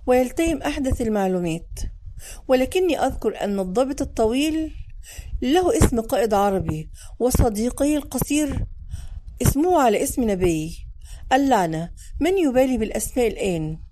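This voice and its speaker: Female audiobook narrator, higher voice, warm mellow tone, expressive delivery. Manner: dramatic, expressive. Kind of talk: first-person audiobook narration.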